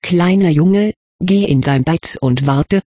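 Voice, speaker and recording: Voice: mid-range voice, takes it slowly, warm tone, no room sound, studio quality. A reader voicing a mocking, arrogant older teenage boy from a foreign school, in a storybook reading. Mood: scornful. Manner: mocking, condescending.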